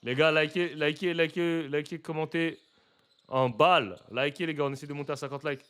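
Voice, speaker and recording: Slangy excitable young man streaming live. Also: fairly high pitch, brisk, clean tone. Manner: slangy, excitable, bursts of loud exclamations between chatty analysis. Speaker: live streamer reacting to basketball footage. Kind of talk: casual live reaction commentary.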